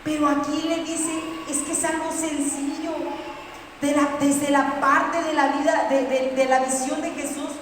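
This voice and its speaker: Woman preacher, very high voice, lively questioning style, booming hall from a distance. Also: unhurried. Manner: questioning the congregation, lively storytelling. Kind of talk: sermon. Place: church hall. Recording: echoey hall from far off, faint noise.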